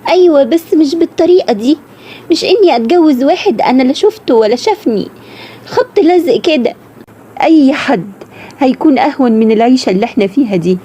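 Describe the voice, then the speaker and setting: A woman's voice: high-pitched, lively intonation, quick pace, dark tone. A young woman voicing frightened teenage sisters forced into marriage, speaking anxiously with an Egyptian accent. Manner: pleading, anxious. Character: frightened young sisters, nineteen-year-old girls.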